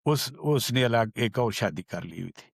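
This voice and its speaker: A man from Pakistan, earnestly telling the story of his survival in an unhurried way. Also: medium pitch, expressive, gravelly, slightly rough, no room sound, studio quality. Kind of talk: personal storytelling.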